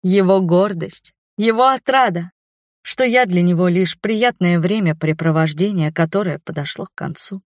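A woman's voice: fairly low pitch, moderate pace, no echo, studio quality, natural voice. A woman reading an audiobook, voicing a loving middle-aged mother who is emotional and guilt-ridden. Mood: tearful, confessing.

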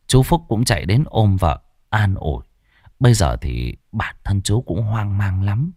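A man narrating a ghost story in an expressive storytelling manner. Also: fairly low pitch, unhurried, dry recording, studio quality.

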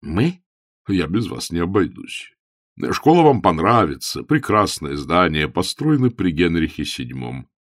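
A man's voice: low-pitched, very animated, measured pace, a bit bright, dry recording, clean studio sound, heavily acted. A man reading an audiobook voices a troubled, pompous elderly bishop who sighs over his troubles and quotes scripture. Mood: rueful. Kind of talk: audiobook character voice.

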